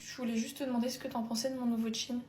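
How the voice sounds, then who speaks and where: A sulky teenage girl who answers in quiet mumbles, as a woman plays her in a sketch. Her high voice sits over background music. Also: little pitch movement, very fast, roomy sound, natural voice.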